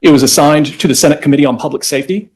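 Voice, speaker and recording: This man, acting as a lawyer, walks the judge step by step through the history of the law, his explanation a little halting. He speaks on the high side with a slightly mellow quality.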